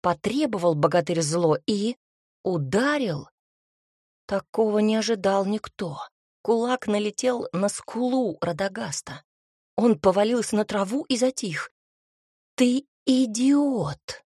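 A woman narrating a first-person fantasy audiobook in a lively, expressive reading. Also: mid-range voice, a little slow, dry recording, studio quality.

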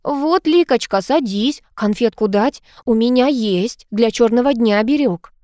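A woman's voice: fairly high pitch, unhurried, darkish tone, no room sound, studio quality, voice pushed up, close to an everyday voice. A woman voicing a fussy, fawning male cat familiar who talks in an anxious, wheedling way.

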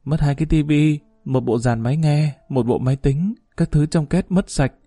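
A man voicing a fiery, sharp-tongued young woman in a spoken story. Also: a little high, normal speed, dry recording, faint music behind, voice pushed up. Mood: distraught.

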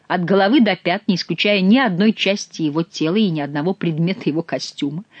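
A woman reads a historical novel aloud, telling it with expressive storytelling. Her voice sits fairly low and sounds close and dry. It is a steady audiobook narration. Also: dry recording. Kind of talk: scripted narration.

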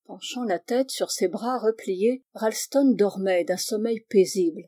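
A woman reading a story aloud in a steady, even narration. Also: mid-range voice, unhurried. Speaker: audiobook reader. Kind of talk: scripted narration.

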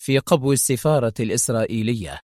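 A man voicing a calm, sarcastic male hero who stays unflappable, in a dry recording. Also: medium pitch, fast talker, no room sound, natural voice.

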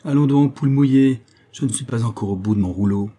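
A man's voice: fairly low pitch, fairly even intonation, quick pace, warm tone, slightly rough. A man voicing a sly, wiry male convict who taunts his partner in a sardonic way. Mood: mocking.

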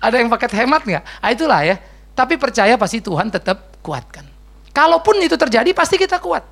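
Lively joking pastor, man. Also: very high-pitched, brisk, gravelly. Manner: lively, joking, slangy, mixes in English words. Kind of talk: conversational sermon with Q&A.

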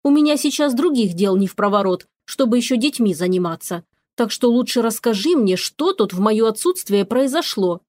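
A woman's voice: on the high side, animated, normal speed, few pauses, darkish tone, no echo, close to an everyday voice. A woman voicing a stern witch, the mistress of the house, scolding and giving orders, in a storybook reading. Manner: scolding, commanding.

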